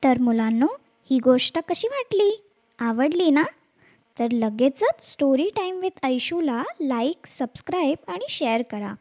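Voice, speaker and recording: Slow, soft-spoken woman telling a children's tale. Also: high voice. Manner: gentle, softly spoken, addresses children directly. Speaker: children's storyteller. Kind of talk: bedtime story narration for children.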